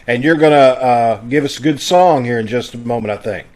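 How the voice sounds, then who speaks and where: Hosting a live online radio-troupe broadcast over a video call, this man makes announcements in a relaxed, folksy, conversational way. His voice sits in the mid-range, with a darkish tone and a fairly quick pace.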